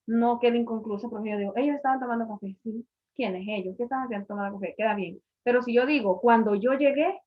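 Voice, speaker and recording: Patient teacher woman, muffled lo-fi sound. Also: a little high. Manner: patient, repeats and rephrases each point. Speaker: English teacher. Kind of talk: classroom grammar explanation. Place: classroom. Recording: muffled lo-fi recording.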